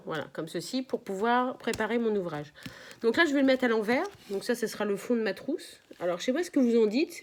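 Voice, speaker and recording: A woman's voice: on the high side, a little mellow. A middle-aged woman, chatting through a step-by-step craft demonstration and explaining each move as she works. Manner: chatty, explains while working, often apologizes. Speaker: crafts tutorial host.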